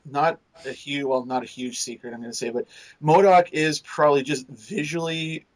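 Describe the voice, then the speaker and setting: A man's voice: a little high, steady tone, normal speed, rough recording. A man co-hosting a casual podcast chat, rambling and restarting his sentences. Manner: rambling, restarts often, laughs while describing. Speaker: podcast co-host. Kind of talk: casual chat reviewing a cartoon series.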